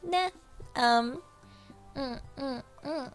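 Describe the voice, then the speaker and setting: A woman's voice: high-pitched, drawn-out words. A British woman hosting a casual livestream, chatting in a cute anime-streamer manner with playful thank-yous to viewers. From Britain. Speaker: VTuber livestream host. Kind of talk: casual livestream chat, reading out and thanking supporters. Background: music.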